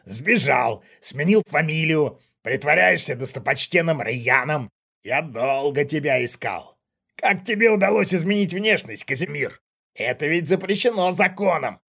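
Brief: male reader playing a vengeful sneering man, drawn-out mocking delivery, husky edge. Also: on the high side, animated, a bit bright, full character voice. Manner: slow, mocking, threatening. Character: sneering menacing male stranger, vengeful old comrade.

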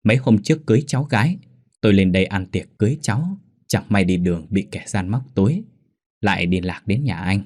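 A man voicing a calm, steady middle-aged exorcist in a spoken ghost story. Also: on the low side, brisk. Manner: steady, commanding.

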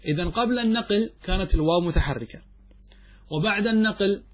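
Husky guy lecturing on grammar, voice sits kinda high, keeps asking the class stuff then answering himself. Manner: explains step by step, asking students questions and answering them himself; reads quotations from the text slowly and deliberately. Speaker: sheikh teaching Arabic grammar.

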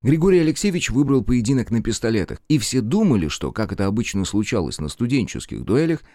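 A man narrating an audiobook with expressive storytelling. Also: medium pitch, quick pace, dry recording, studio quality.

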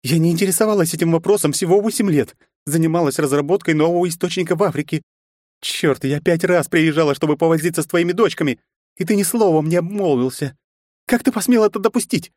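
Man voicing a fiery distraught woman, shrill, high-pitched, pleading and accusing. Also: animated, normal speed, darkish tone, slightly rough, no echo, studio quality. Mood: angry. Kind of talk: audiobook character voice.

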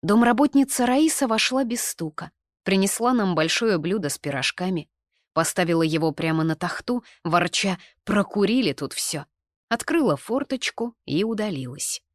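A woman narrating a story in the first person in a calm, measured way. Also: mid-range voice, no echo, clean studio sound.

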